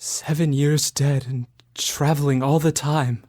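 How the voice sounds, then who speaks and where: Ebenezer Scrooge, an actor playing a querulous old miser. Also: male voice, fairly high pitch, steady tone, a little slow, darkish tone. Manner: querulous, dismissive, wheedling when scared. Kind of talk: radio drama acting.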